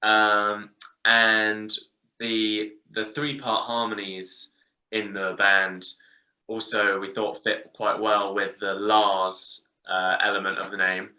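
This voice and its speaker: A man from England, a band member, telling the story of his band in a relaxed interview. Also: fairly low pitch, slow pace. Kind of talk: casual interview answers. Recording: roomy echo.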